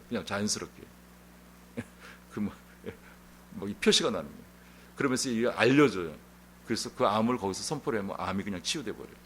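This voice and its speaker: Lively, low-voiced male pastor. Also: a little hiss or hum. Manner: animated storytelling, plain conversational delivery. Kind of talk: sermon. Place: church sanctuary.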